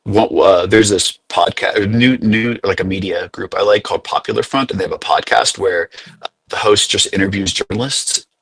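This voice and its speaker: A young man from the United States speaks in a low, slightly husky voice. He talks earnestly, restarting and refining his points as he reasons them through. The sound is dry, with no room around it. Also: moderate pace, fairly bright tone, dry recording, poor audio. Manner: earnest, thinking aloud with frequent self-corrections. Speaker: guest, graduate student activist. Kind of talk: casual interview talk.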